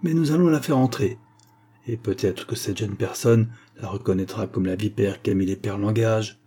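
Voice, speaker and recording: A man's voice: on the low side, normal speed, warm tone, husky. A man voicing a sour, self-righteous elderly spinster who hectors and accuses. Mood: accusing.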